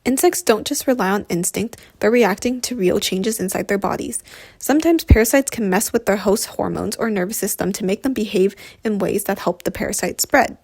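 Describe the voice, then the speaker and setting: A woman's voice: mid-range voice, brisk, darkish tone, slightly rough, no echo, studio quality. A woman co-presenting with scripted, expository educational narration.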